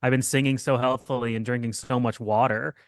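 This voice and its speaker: A man chats loosely about his tabletop character, rambling and poking fun at himself. His voice sits at a middle pitch for a man. The recording is dry and close. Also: steady tone, a little fast, no echo. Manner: joking, rambling, self-deprecating. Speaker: player.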